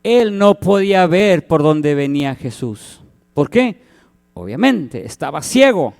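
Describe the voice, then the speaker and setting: A man's voice: a little high, big pitch swings, slow pace, a little mellow. A man, preaching a sermon as pastor, who acts out the cries and quoted voices in his story.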